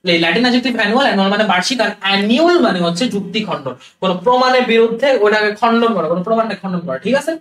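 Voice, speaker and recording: A man teaches vocabulary at a brisk clip. He repeats terms, mixes in English and keeps checking that the class is following. His voice reaches the mic from some distance, bouncing around an echoey room. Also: high voice, animated, fairly bright tone. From Bangladesh.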